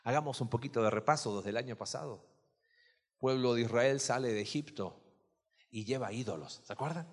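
A pastor with a mid-range voice speaks a little fast, his sermon trailing off into long church reverb. He's chatty and conversational, repeatedly asking the congregation questions.

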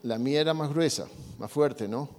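A man's voice: medium pitch, moderate pace, darkish tone. Man preaching in a reverberant hall. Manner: conversational preaching with rhetorical questions. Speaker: pastor. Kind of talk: sermon on parenting.

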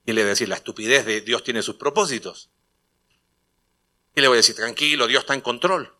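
Male preacher, bright tone, mid pitch; storytelling sermon that builds to emphatic points. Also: brisk. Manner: conversational storytelling, acting out dialogue, rising to emphatic preaching. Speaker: pastor. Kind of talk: sermon with personal anecdote.

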